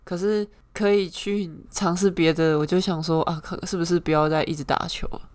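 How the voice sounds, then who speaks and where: A young woman with a Taiwanese Mandarin accent talks as a podcast guest, her voice a little low. She answers modestly and softly. She laughs at her own stories. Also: fairly even intonation, brisk. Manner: modest, soft-spoken, laughs at herself. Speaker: volleyball player guest. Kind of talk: casual chat.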